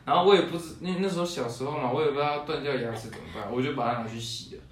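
A young man tells childhood anecdotes in a loose chat, breaking into laughter often. His voice sits at a middling pitch and comes from a little off the mic. The room around him rings with echo. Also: racing, slight background noise. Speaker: podcast co-host. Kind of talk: casual chat, storytelling. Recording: roomy echo, distant mic.

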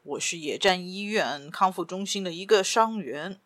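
A woman's voice: lowish voice, normal speed, fairly bright tone, no echo, close to an everyday voice. Woman doing a flustered army captain. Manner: urgent, stammering.

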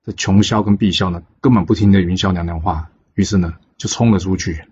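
A man telling a legend in a lively way, with exclamations and drawn-out filler particles. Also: deep voice, a little hiss or hum. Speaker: storyteller. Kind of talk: oral storytelling of a legend. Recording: dull lo-fi recording.

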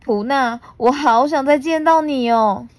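A woman's voice: high-pitched, a little slow, no echo, voice pushed up. A woman doing a stammering timid dinosaur uncle. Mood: earnest. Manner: stammering, shaky, earnest. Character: big timid gentle male dinosaur, an uncle. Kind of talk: storybook reading.

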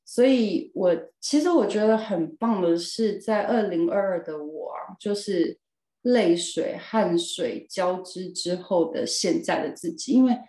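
Guest, woman, 40s; mellow, expressive storyteller, echoey room. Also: on the low side, a little slow. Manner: expressive, lively storytelling with laughs and emphatic repeats. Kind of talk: personal storytelling in a podcast interview. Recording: roomy echo.

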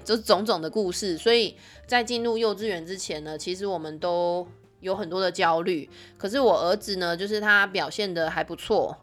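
A woman's voice: fairly low pitch, a bit bright. A woman in her thirties hosting a podcast, chatting casually with lots of filler words. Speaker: podcast host.

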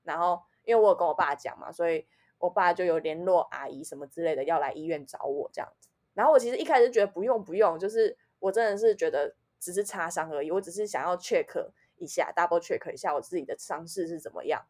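Taiwanese lady rattling off a story super fast, gets loud then drops to mumbling. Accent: Taiwanese Mandarin. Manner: animated, swings between loud outbursts and low muttering. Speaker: podcast co-host. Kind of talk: casual chat, personal storytelling.

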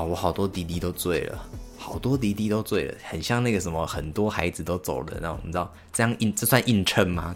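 Young man, Taiwanese Mandarin accent, very low voice, halting casual podcast chat, lots of fillers. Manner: halting, full of fillers and restarts. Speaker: podcast host. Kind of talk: casual solo storytelling.

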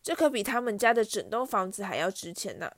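A woman's voice: mid-range voice, big pitch swings, fast, a bit bright, dry recording, studio quality. A woman voicing a spiteful, sneering schoolboy bully in a storybook reading, mocking and drawling.

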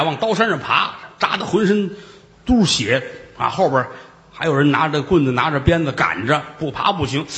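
A man telling a comic ghost story solo, with playful asides and acted-out shouts. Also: on the high side. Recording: reverberant room.

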